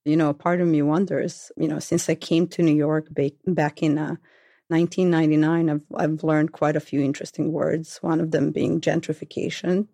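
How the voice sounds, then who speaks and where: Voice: medium pitch, little pitch movement, moderate pace, mellow, no echo. A guest from Serbia speaking frankly and wryly in a casual interview. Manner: frank and wry, with light laughter.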